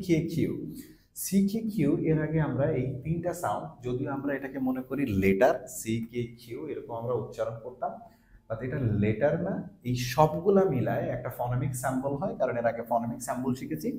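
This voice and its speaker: A man's voice: mid-range voice, warm tone, slight background noise. A man with a Bengali accent teaching English pronunciation, repeating each example word several times and mixing Bengali with English. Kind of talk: classroom lesson, repeating example words. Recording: echoey room.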